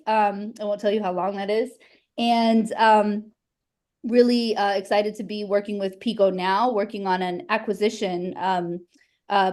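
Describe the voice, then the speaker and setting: A woman's voice: mid-range voice, darkish tone. A woman, a project manager, introducing herself on a video call with many fillers.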